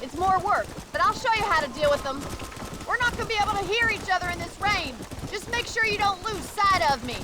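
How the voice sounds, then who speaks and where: A woman's voice: very high-pitched, animated, a little fast. An actress playing a plucky, commanding female rancher with an American accent in a western video game, forthright and folksy. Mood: plain-spoken, brisk. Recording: clear outdoor noise behind the voice.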